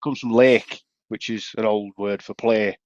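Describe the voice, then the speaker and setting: A rambling Yorkshire bloke with a broad accent co-hosts a podcast, spinning chatty stories in pub-banter style. His lowish voice is flat and unhurried, and the dry, slightly dull audio has no room sound.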